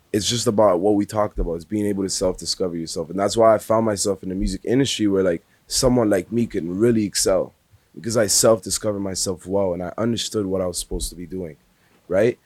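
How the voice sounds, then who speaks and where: A man's voice: on the low side, darkish tone, no echo. A man in his early twenties, a podcast guest talking casually and earnestly, full of "like" and "bro". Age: 20s. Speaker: podcast guest, music industry worker.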